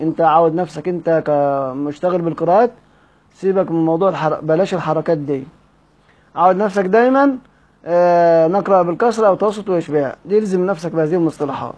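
High-voiced Egyptian recitation teacher. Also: male voice, racing, darkish tone. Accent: Egyptian Arabic. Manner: quizzes students, reads a text aloud and explains it. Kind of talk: online lesson teaching recitation rules.

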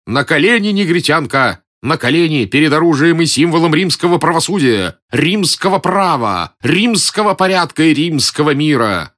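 A man's voice: sing-song, normal speed, few pauses. A man voicing a proud, blustering Roman soldier who barks orders in a raised, strained voice. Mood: commanding. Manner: shouting, shrill when outraged.

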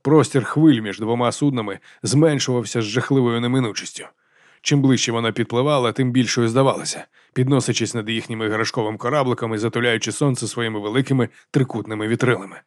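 A man reading an audiobook in a measured, even narration. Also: mid-range voice, no room sound. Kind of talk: scripted narration. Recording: dry studio.

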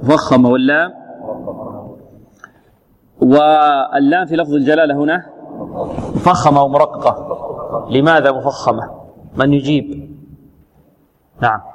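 A male Quran recitation teacher giving a classroom lesson, quizzing students with short questions and stretching out sounds slowly to model pronunciation. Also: on the high side. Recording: long reverb, hall-like room.

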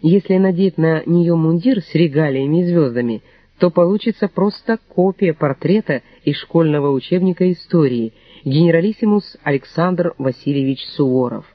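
A man reading an audiobook in an expressive, wry narrating style. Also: fairly high pitch, moderate pace, no room sound, muffled recording. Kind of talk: scripted narration.

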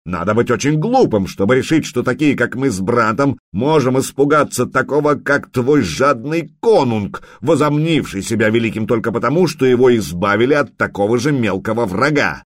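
A man's voice: medium pitch, expressive, normal speed, few pauses, no room sound, clean studio sound, voice pushed up, lightly acted. A man voicing a furious young berserker warrior who roars and snarls his words. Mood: furious roaring. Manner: roaring, snarling.

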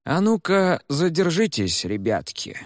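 A man's voice: medium pitch, wildly swooping pitch, slow, no room sound, clean studio sound, pitched above the performer's own voice, full character voice. A man voicing a rude, suspicious middle-aged police officer who barks his words. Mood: gruff. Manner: gruff, barking.

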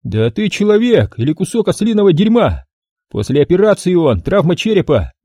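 Man doing a brash cheeky sidekick, high and loud. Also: big pitch swings, a little fast, no echo, clean studio sound. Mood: mocking. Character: brash joking male sidekick, crude prankster.

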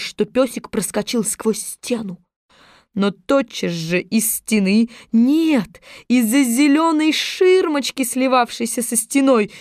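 A woman narrating a children's fairy-tale book in a measured, expressive reading voice. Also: fairly high pitch, no echo, studio quality. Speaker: audiobook narrator. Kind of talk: scripted storybook narration.

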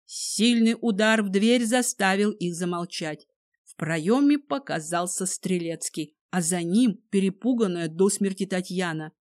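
Woman, audiobook narrator, expressive, dramatic first-person reading. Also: fairly low pitch, unhurried. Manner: expressive, voices each character.

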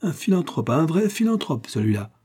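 A man's voice: a little high, big pitch swings, fairly quick, warm tone, husky, voice pushed up. A man voicing a talkative middle-aged village carpenter who gushes eagerly. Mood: enthusiastic.

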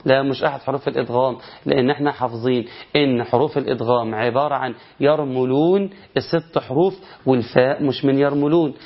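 Egyptian-accented male tajweed teacher, fast and animated, self-questioning delivery, slightly muffled lo-fi recording. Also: mid-range voice. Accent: Egyptian Arabic. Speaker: Quran recitation teacher. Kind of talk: colloquial recitation lesson.

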